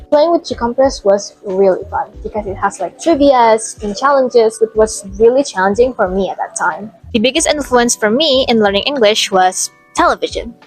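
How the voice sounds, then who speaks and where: This young Indonesian woman, a native Indonesian speaker, narrates a scripted vlog in a fairly high, slightly mellow voice with a breathy edge. She keeps it casual and drops "like" often, with faint lo-fi music in the background.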